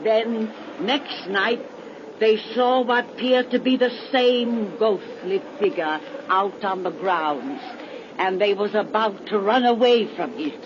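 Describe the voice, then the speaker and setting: A woman's voice: medium pitch, lo-fi sound, lightly acted. An actress playing a gleefully macabre old American witch who tells horror tales in folksy rustic dialect, in 1930s radio style. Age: older. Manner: folksy rustic dialect, cackling, relishing the gruesome. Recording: noisy, band-limited 1930s radio recording.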